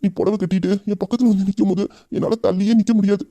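A man's voice: high voice, fairly even intonation, mellow, no room sound. Man playing tender grieving husband. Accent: Tamil. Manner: intimate, heartfelt, rapid talk. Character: grieving young husband Veera, loving and tender. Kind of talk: romantic audio drama.

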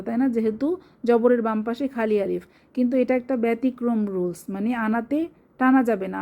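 Woman tutor, Bangladeshi Bengali accent, soft dark tone, slightly high voice, patient step-by-step explaining. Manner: patient explaining with check-ins to listeners. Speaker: Quran recitation teacher. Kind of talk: online tajweed lesson.

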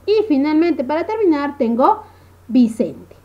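A woman teaching a first-grade phonics lesson to young children. She talks slowly in a sing-song way, stretches out words and keeps checking in with the class. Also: high-pitched, big pitch swings, dull audio. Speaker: primary school teacher.

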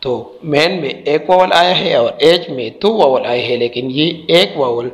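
A man's voice: a little high, animated, a little slow, vocal fry, poor audio. A man teaching a textbook lesson, spelling out letters and repeating each word carefully.

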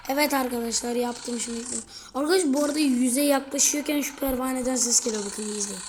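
A woman with a somewhat high voice talks her way through a driving game in quick, chatty bursts, calling out to her viewers as she plays. Her tone is excitable and casual. Noisy game sound runs loud under her voice. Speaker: gaming video creator. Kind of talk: casual gameplay commentary.

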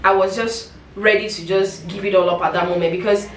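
A woman's voice: medium pitch, fairly even intonation, fairly quick, far from the mic, a little hiss or hum. A young woman recounts a personal story to her viewers, talking casually and with feeling and turning aside to address them. Her voice sits in a middle range and carries a roomy echo. She sounds a little away from the mic. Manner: emotional, vivid retelling with asides to viewers. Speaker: vlogger.

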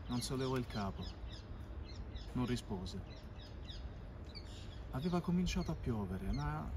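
A young man giving a theatrical literary recitation in measured, dramatic phrases with pauses. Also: mid-range voice. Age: young adult. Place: outdoors by a street wall. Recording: clearly noisy outdoor street ambience.

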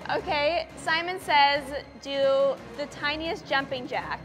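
A woman's voice: high voice, slow pace. A woman hosting a challenge game in a playful, teasing way, with music playing underneath. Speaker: challenge video host. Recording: background music.

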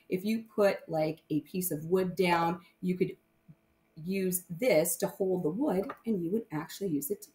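Speaking in a low, darkish voice, this woman teaches math to young primary pupils in a relaxed way, often tacking short tag questions onto her explanations to check they're following.

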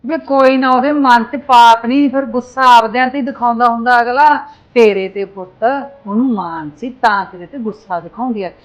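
An actress playing a fretful, kind mother who soothes her grown son with gentle pleading. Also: a little high, normal speed, hardly any pauses, natural voice. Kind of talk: Punjabi short film acting.

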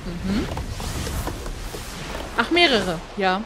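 A woman's voice: medium pitch, sing-song, drawn-out words, background noise. A woman gamer giving casual let's play commentary, reacting aloud in short asides.

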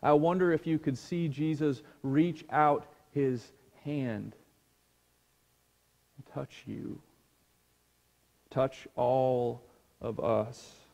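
A man preaching a sermon as a pastor, slow and hushed, sinking almost to a whisper on key words. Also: mid-range voice, fairly even intonation, long reverb tail. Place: church sanctuary.

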